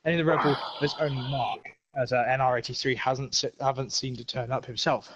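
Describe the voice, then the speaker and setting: A man's voice: medium pitch, steady tone, brisk, a bit bright, slight background noise. Young guy doing sim race commentary, jokey and rambly, a bit out of breath, muffled lo-fi stream audio. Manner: rambling, joking, filler-heavy. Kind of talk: casual esports race commentary.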